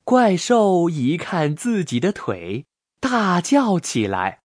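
A woman reading a children's storybook aloud in an expressive way. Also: lowish voice, takes it slowly, no room sound, studio quality.

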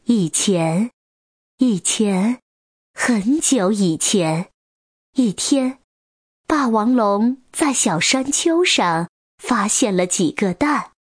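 A woman reading a children's picture book aloud, slow and deliberate, and acting out the sound effects as she goes. Her voice sits fairly high and swings widely, and it is recorded close and dry. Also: expressive, husky, no room sound. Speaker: storyteller.

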